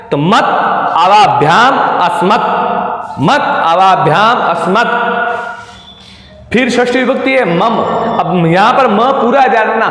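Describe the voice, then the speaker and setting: A male teacher giving a school lesson who drills forms slowly, repeats them and keeps checking that students follow. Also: sits high. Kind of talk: classroom lesson, recited drill. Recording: echoey roomy hall recording.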